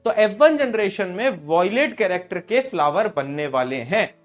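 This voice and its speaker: High-voiced young man scolding an online class. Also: expressive, moderate pace, soft background music. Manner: scolds students in a loud, rising voice, then drops soft and low. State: unwell, sore throat. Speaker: online tutor.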